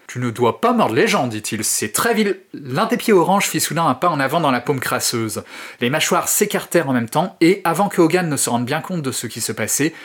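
A man and host narrating a horror short story in an expressive, theatrical way. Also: fairly high pitch. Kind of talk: dramatic reading of a horror story.

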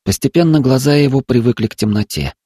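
A man narrating a story in a steady, even storytelling manner. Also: medium pitch, quick pace, breathy edge, no echo, clean studio sound. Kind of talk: audiobook narration.

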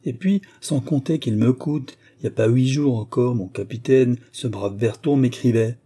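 A man reading an audiobook, voicing a chatty, brash young woman film star who complains in lively slang, with a husky voice. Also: medium pitch, normal speed. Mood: complaining.

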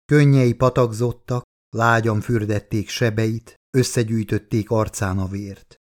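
A man narrating a novel as an audiobook in a measured, subdued reading. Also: on the low side, steady tone, a little mellow. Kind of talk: scripted narration.

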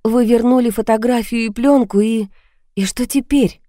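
A woman's voice: a little high, normal speed, mellow, no echo, pitched above the performer's own voice, lightly acted. A frightened young woman pleads and argues in a strained, tense voice, as a woman reads her lines in an audiobook. The recording is close and dry, with no room sound. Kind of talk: audiobook reading.

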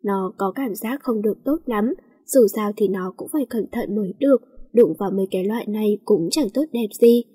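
Woman reading a story out, warm breathy voice, steady. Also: mid-range voice, brisk. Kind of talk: scripted story narration.

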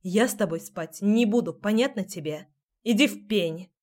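A feisty young woman with a sharp, indignant tongue, her voice climbing high, as the narrator plays her. She snaps back hard and will not be pushed around. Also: moderate pace, natural voice. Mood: angry.

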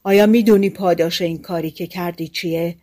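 A woman reading an audiobook, voicing a vengeful male spirit freed from a bottle that shouts threats and later pleads. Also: lowish voice, steady tone, lightly acted. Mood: menacing. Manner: loud and menacing, turns pleading.

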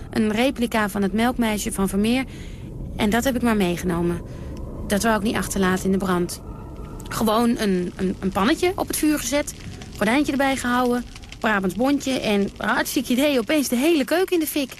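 A woman's voice: a little high, normal speed, a little hiss or hum, natural voice. An actress playing a brash, defiant woman who tells of her wild nights in a theatrical radio monologue, blunt and dry with sudden outbursts. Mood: fierce.

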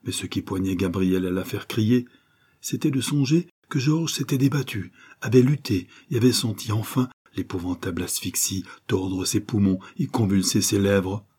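A man narrating a nineteenth-century novel aloud in a dramatic, measured reading. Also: on the low side, mellow, husky. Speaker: audiobook narrator. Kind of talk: literary narration.

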